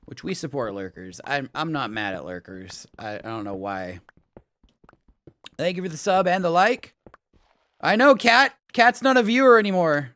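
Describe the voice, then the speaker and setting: Chatty male streamer with a bright, high voice. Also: normal speed. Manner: chatty, reads out chat, thanks viewers, bursts of excited laughter. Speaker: live streamer. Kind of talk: casual live-stream chat.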